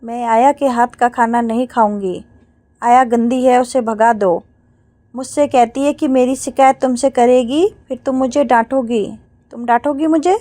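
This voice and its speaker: A sulky, childish old mother from a read-aloud storybook, all stubborn demands and pouting refusals. A woman voices her in a high, light register. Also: fairly even intonation, normal speed, warm tone, no echo, natural voice.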